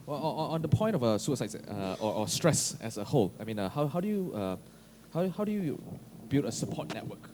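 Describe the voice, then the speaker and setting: A man's voice: mid-range voice, very animated, brisk, hardly any pauses. A man moderating a panel discussion, stammering and repeating words as he forms a question. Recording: distant, noisy mic.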